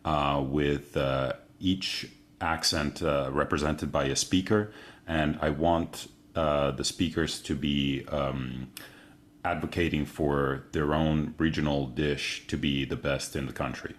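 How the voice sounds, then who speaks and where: A man giving halting spoken prompts to an AI in a demo. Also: a bass voice, steady tone. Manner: halting, with fillers.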